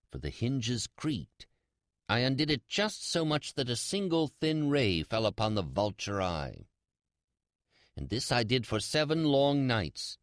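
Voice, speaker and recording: Male actor as a gloating mad killer, theatrical Gothic horror reading, very animated intonation, drawn-out emphasis, close dry sound. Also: low voice, dry recording, full character voice. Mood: sly, gloating. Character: mad, gloating, sly male murderer confessing his crime.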